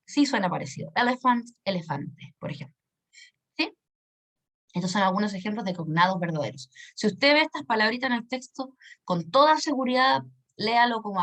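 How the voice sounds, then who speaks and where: A woman, an English teacher giving a recorded lesson. She repeats words slowly and keeps checking that her students are following. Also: mid-range voice, fairly bright tone. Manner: patient, checks understanding with frequent tag questions.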